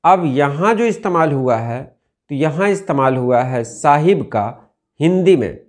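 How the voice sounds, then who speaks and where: Slow, deliberate teacher, a man. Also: fairly high pitch, expressive. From India. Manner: slow, deliberate, repeats key words. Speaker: Urdu language teacher. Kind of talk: explaining word meanings from dictionaries.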